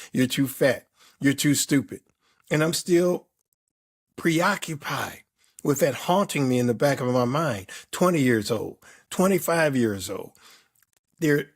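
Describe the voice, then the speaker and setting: Emphatic older man coaching on life. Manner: emphatic, repeats words in lists, rising pitch for emphasis. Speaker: performance coach. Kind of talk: reflective interview answer.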